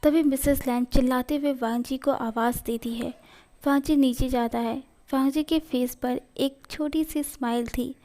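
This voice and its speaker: A woman reading a fan fiction story aloud, narrating it at a steady, even pace. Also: high-pitched, unhurried. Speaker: story reader.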